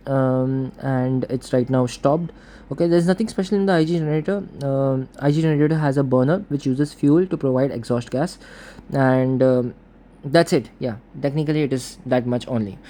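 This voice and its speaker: Guy engineer doing a walkthrough tour, soft dark tone, explains stuff step by step, repeats his stock phrases. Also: mid-range voice. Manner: repeats set phrases, instructional. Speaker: marine engineer giving a tour. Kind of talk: explanatory walk-through tour.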